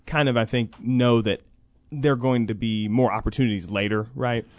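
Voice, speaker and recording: A college athletics program coordinator appears as a guest on a radio talk show, explaining things at length in careful, qualified points. His voice is mid-range and steady in tone, at a normal speed, with no echo.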